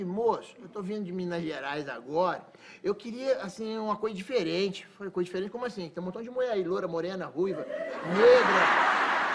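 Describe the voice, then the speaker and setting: A fast-talking Rio hustler. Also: male voice, high voice, noisy background. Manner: rambling, stammering restarts, slangy swagger. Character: boastful streetwise Rio hustler man, tall-tale teller. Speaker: comic character on a sketch show. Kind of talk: stand-up style comic storytelling. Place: TV studio stage.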